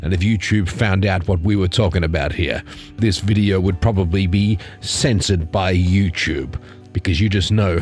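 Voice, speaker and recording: A man with a fairly low voice presents casual commentary as the host of his own bulletin. He talks informally, wandering from point to point with a sardonic edge. Music plays behind his voice. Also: a little mellow. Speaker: host of a satirical news commentary channel. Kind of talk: casual commentary on memes and screenshots.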